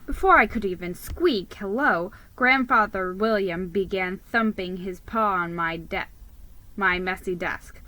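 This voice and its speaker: A woman gives an expressive, deliberate dramatic reading of a children's story, narrating in the first person as a mouse who tells the tale. Her voice is medium in pitch, and the recording is rough.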